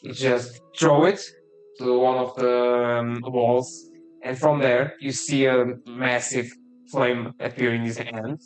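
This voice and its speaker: Male game master, slow hesitant narration, mid pitch. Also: little pitch movement, soft background music, low-quality recording. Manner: hesitant, many fillers and self-corrections.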